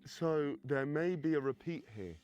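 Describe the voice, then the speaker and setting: A man's voice: a little high, expressive, unhurried, darkish tone, soft background music. A man hosting and reacting to a clip, pressing contestants with teasing questions in casual commentary. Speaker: host reacting to a game show clip.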